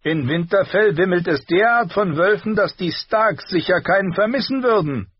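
A man's voice: high voice, animated, moderate pace, husky, no echo, voice pushed up. A man voicing a cruel, spoiled boy prince who whines and sulks, in a storybook reading on a dull dry recording. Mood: cruel gleeful. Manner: whiny, petulant.

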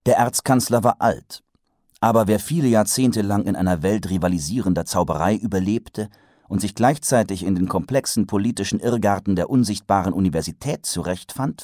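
A man reading a story aloud as an audiobook narrator in lively storytelling narration. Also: sits low, no room sound, studio quality. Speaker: audiobook reader. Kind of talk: scripted narration.

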